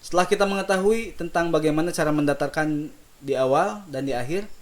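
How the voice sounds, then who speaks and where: A man teaching melodic recitation, calmly explaining each note and singing slow drawn-out demonstrations, gently encouraging students. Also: fairly high pitch. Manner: slow drawn-out sung phrases between unhurried explanations; gentle and encouraging, soft-spoken asides. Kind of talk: relaxed spoken lesson with sung demonstrations.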